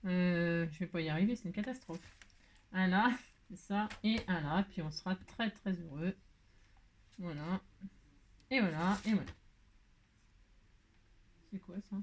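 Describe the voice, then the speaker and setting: A woman's voice: lowish voice, measured pace, long pauses, a little hiss or hum. Chatty woman doing a craft tutorial. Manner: chatty, self-mocking, laughs often, many fillers. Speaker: craft video host. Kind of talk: casual crafting tutorial chat.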